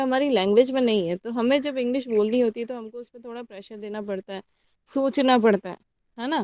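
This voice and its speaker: A woman's voice: a little high, darkish tone, no echo. A woman with an Indian accent, a college teacher giving a classroom lecture and often asking her students questions. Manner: explains in mixed Hindi and English, asks the class questions.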